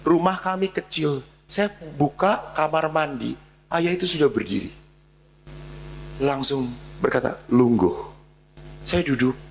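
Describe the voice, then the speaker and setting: Gravelly priest telling a story. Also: male voice, a little high, unhurried, a little hiss or hum. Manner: animated storyteller, acts out dialogue. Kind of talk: storytelling sermon.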